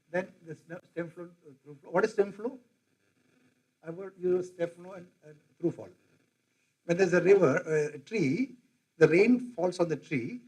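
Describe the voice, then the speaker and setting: On poor audio, a professor with an Indian English accent, an older man, delivers a digressive lecture to faculty in a rather high, darkish, husky voice. He keeps asking the teachers questions as he goes.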